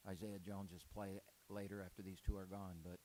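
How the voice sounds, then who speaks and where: A man's voice: deep voice, little pitch movement, fairly quick, dark tone, a little hiss or hum, rough recording. A man speaking as a head basketball coach at a post-game press conference, rambling and candid with frequent restarts.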